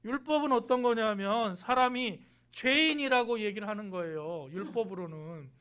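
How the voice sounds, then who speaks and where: A man's voice: high voice, normal speed, fairly bright tone, clean tone. A male pastor delivering a conversational sermon, asking the congregation rhetorical questions and acting out quoted lines. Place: church sanctuary.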